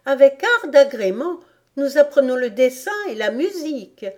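A polite, inquisitive little girl from a storybook , voiced by a woman reader. She speaks a little higher than the narration, prim and questioning, with a soft, mellow tone. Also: expressive, normal speed.

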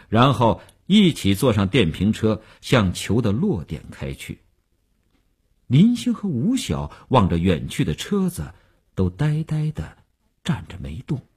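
A male audiobook narrator reading with a steady storytelling manner. His voice is deep and husky, with a very wide, expressive pitch range. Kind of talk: scripted narration.

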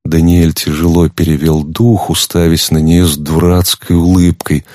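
A man narrating an audiobook in a measured, literary way. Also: low voice, level tone, warm tone, no echo, clean studio sound. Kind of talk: audiobook reading.

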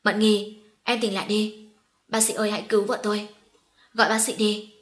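A woman's voice: mid-range voice, steady tone, fast talker, a bit bright, close to an everyday voice. A woman reading the lines of a young man who is shocked and frightened for the woman he loves. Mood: panicked. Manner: alarmed, crying out. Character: young man, startled and distraught lover.

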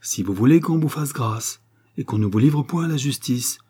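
A man's voice: mid-range voice, lively intonation, moderate pace, dark tone, breathy edge, voice pushed up. A man voicing a severe, commanding countess. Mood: demanding. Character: severe aristocratic countess, woman.

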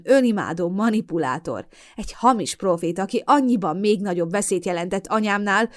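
A woman reading a first-person novel aloud as an audiobook, with expressive, emotional storytelling. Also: lowish voice. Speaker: audiobook narrator.

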